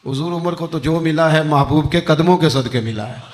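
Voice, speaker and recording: A man's voice: fairly high pitch, moderate pace. A middle-aged man preaching an impassioned sermon in rhythmic repeated phrases, mixing in recited verse. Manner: impassioned, rhythmic repetition, rising to shouts.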